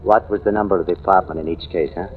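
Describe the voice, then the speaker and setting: This old-time radio drama clip, tinny and noisy, features a man as a knowing, cocky newspaperman who drinks hard and spins theories about a killer. His American talk is slangy and insistent, delivered in a low, fairly even voice at a racing pace that stays close to how he'd normally speak.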